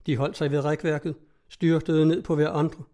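A man reading a story aloud in an even, measured way. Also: a little high. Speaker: narrator. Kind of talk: audiobook narration.

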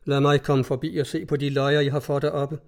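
A man's voice: on the high side, little pitch movement. Man reading as a cursing, furious sea captain. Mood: shouting orders. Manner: gruff, cursing, barking orders. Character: irate adult male customs-cutter captain.

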